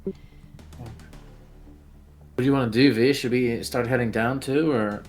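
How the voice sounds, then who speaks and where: A man's voice: medium pitch, a little slow, soft background music. A man playing a tabletop game, chatting casually and asking the game master questions. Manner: relaxed, questioning. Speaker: player.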